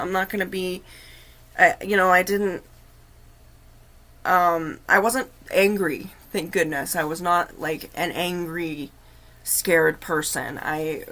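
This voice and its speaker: A woman hosting a livestream, telling a personal story in an earnest, halting, confiding way. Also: on the low side, bright, forceful tone. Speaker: livestream host. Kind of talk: casual storytelling.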